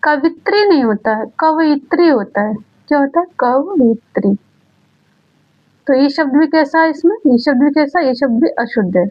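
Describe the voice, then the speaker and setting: A woman teaching an exam-prep grammar lesson, asking questions and answering them herself, repeating key words slowly. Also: high-pitched, expressive. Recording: dull lo-fi sound.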